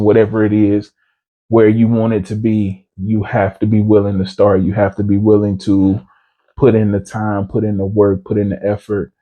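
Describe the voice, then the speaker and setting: A man with a low, mellow voice delivers a motivational podcast monologue. He speaks earnestly and repeats himself for emphasis. He keeps his delivery fairly even and often turns to the listener with a casual check-in. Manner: earnest, repetitive, conversational, often asks "you know what I'm saying?". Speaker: podcast host.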